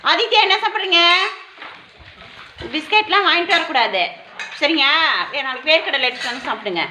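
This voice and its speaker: A woman teaching small children in a classroom, asking each child by name and repeating their answers in a gentle, coaxing sing-song. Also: sits high, fairly quick, slight background noise. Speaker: preschool teacher.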